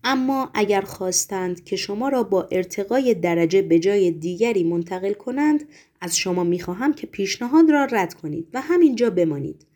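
A woman voicing a stern, probing male Roman governor who asks measured, formal questions. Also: mid-range voice, lively intonation, mellow, lightly acted.

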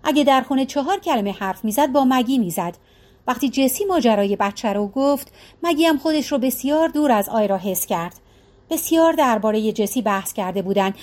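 A woman reading a novel aloud as an audiobook narrator, in a steady, even storytelling manner with a casual spoken style. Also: fairly high pitch. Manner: steady, even storytelling read in colloquial speech.

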